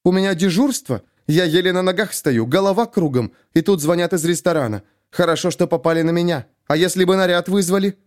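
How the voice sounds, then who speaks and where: A man's voice: high voice, sing-song, brisk, hardly any pauses, darkish tone, pitched above the performer's own voice. A man voicing a stern young woman police lieutenant who scolds sharply and sarcastically. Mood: scolding. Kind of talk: audiobook character voice.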